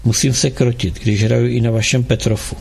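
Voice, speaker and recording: A man reading aloud, voicing a kind, gentle male music teacher who talks softly and reassuringly. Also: medium pitch, fairly even intonation, gravelly, slightly rough. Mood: calm, explaining. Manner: soft, reassuring.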